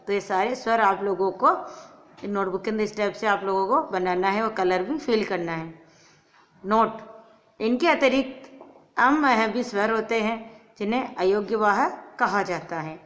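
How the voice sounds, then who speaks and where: A woman teacher giving a recorded grammar lesson to young children, going slowly, repeating each point and asking questions that she answers herself. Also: medium pitch, muffled recording. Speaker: primary school teacher.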